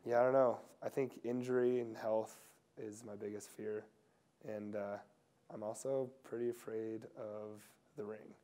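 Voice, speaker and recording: Soft-spoken young man, smooth low voice. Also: steady tone, measured pace. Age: young adult. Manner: casual, soft-spoken, many fillers and restarts. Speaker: pro skier interviewee. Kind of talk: reflective interview answers. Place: indoor lodge room.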